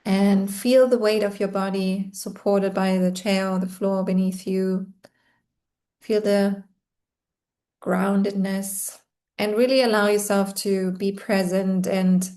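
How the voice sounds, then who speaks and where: Slow, mellow woman guiding a meditation. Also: mid-range voice. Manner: slow, soothing, with long pauses. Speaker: meditation guide. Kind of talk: guided meditation.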